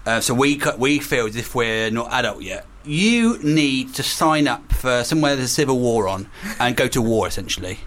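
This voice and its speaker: A man, co-hosting a comedy show and delivering absurd jokes in a deadpan way. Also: medium pitch, moderate pace, few pauses, slight background noise. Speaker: co-host. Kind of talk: comedic banter.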